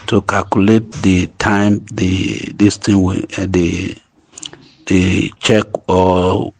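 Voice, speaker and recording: A man, heard through a played-back voice message. His voice sits fairly low and he talks slowly, pausing and restarting his phrases as he urges a group to stay calm. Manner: halting, repeats and restarts phrases; urging calm. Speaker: group leader addressing members. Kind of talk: voice note update to a group.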